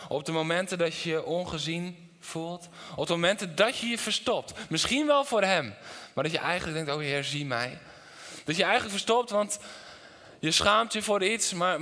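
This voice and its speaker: A middle-aged man preaching a sermon in a church hall, his voice ringing with a long reverb. His tone is bright and forceful, set a little high. He tells a personal story and asks the congregation questions, moving between loud, animated passages and quiet, intense ones. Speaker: pastor.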